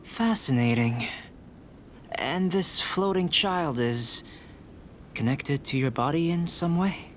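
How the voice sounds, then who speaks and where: Albedo, a calm scholarly alchemist. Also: male voice, a little high, slight background noise. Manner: measured, polite, scholarly phrasing. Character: calm young male alchemist, curious and clinical. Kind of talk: video game voice acting. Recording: game audio with clear background music.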